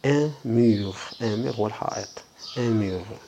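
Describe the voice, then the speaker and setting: Give me a gravelly man teaching French. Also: fairly low pitch, mellow. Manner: repeats each French phrase slowly, then translates it quickly into Arabic. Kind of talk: language lesson, reading French sentences aloud slowly and explaining them in Arabic. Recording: faint background noise and clicks.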